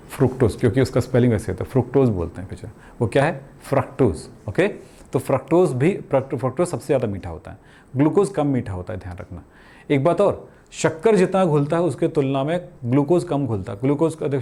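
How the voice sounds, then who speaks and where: A middle-aged man with a mellow, mid-range voice leads a conversational chemistry class. He raises questions and answers them himself, illustrates ideas with everyday examples, jokes around, and calls students "beta" in a colloquial manner.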